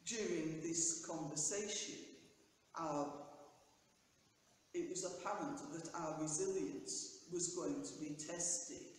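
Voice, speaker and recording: An older woman priest gives a measured reflection and prayers, seated in a small church pew. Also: low voice, a little hiss or hum. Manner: measured, careful delivery. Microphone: camera at a distance. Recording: echoey church from far off.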